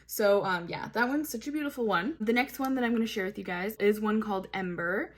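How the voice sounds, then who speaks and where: A woman's voice: mid-range voice, a little fast. A woman reviewing makeup in a casual, chatty way, gushing over each product with plenty of fillers. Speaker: beauty vlogger. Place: home, hot weather.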